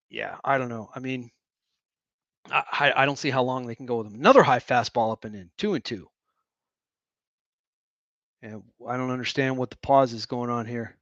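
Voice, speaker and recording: Brief: irreverent man doing excitable fan play-by-play, dull lo-fi sound. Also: medium pitch, no echo. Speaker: host of a fan watch-along broadcast. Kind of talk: joking play-by-play commentary.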